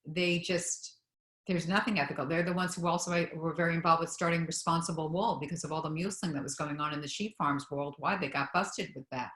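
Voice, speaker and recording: A woman hosts an interview, blunt and opinionated, jumping in to share her views. Her voice sits fairly low, and the room around her has a noticeable echo. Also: a bit bright. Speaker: host. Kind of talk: casual interview talk.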